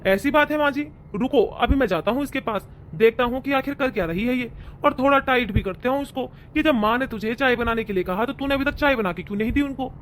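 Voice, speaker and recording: A man's voice: very high voice, fast talker, a bit bright, slight background noise. A man playing a stern young husband. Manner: stern and lecturing toward his wife. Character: young husband caught between his wife and his mother.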